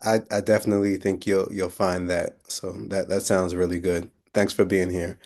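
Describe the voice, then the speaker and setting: Brief: low male host voice, relaxed, moderating introductions on a call. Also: moderate pace. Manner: relaxed, thanks each guest and calls on the next. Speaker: host of the session. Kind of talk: hosting a video call, casual. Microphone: video call.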